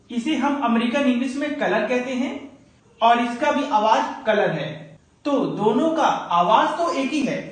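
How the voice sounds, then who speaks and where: A man teaching a video lesson on English, calmly explaining examples and calling his viewers friends. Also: high voice. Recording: very echoey room.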